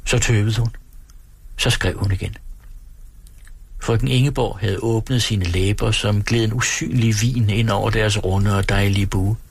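A man reading a novel aloud for radio in calm, measured narration. His voice sits low, with a gravelly, husky texture. The sound is close and dry. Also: dry recording. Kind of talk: literary reading.

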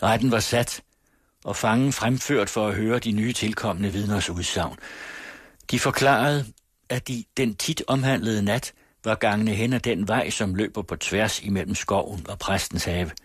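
Low husky male storyteller. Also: dry recording, studio quality. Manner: measured, solemn, old-fashioned literary reading. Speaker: audiobook reader. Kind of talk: scripted narration of a classic story.

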